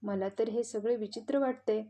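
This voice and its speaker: A woman's voice: on the high side, steady tone, normal speed, mellow, natural voice. Woman doing a blustering greedy wolf. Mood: questioning. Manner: blustering, boastful threats. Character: greedy sly male wolf, blustering and threatening. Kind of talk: children's audio story.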